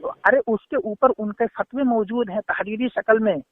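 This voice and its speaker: A man's voice: high-pitched, moderate pace. A man calling in to a heated phone debate, arguing and talking over his opponent. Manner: argumentative, talks over the other side. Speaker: caller. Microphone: phone call. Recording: tinny phone line.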